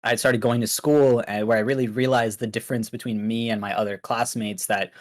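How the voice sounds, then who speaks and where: A young Pakistani man whose first language is Urdu chats casually as a guest streamer on a podcast interview, full of likes and ums. His voice is medium-pitched and steady, and he talks briskly in a relaxed, loose way.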